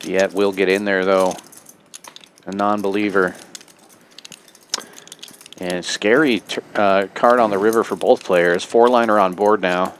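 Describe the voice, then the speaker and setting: Low-pitched man hosting casual poker commentary. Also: steady tone, measured pace, long pauses, slight background noise. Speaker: stream host and poker commentator.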